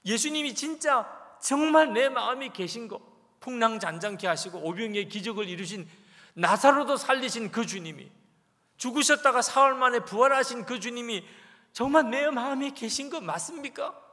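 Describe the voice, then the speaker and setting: Brief: loud, high, pleading churchgoer voiced by a male pastor, ringing church hall reverb. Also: moderate pace. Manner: urgent, loud, pleading questions. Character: pleading churchgoer crying out inwardly, adult.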